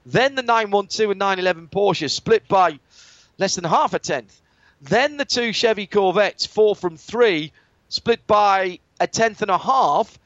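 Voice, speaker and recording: A man's voice: high voice, lively intonation, measured pace, dry recording. A man giving fluent, descriptive live motorsport commentary as a play-by-play radio commentator. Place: live trackside at a street circuit. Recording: dull band-limited broadcast, loud trackside car noise.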